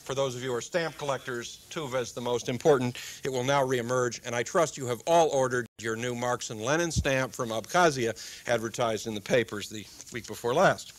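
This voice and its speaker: A middle-aged guest speaker delivers a public lecture into a desk microphone in a lecture room. His voice is medium-pitched and a little fast, and his humor is dry and wry, with quotations landed using comic timing.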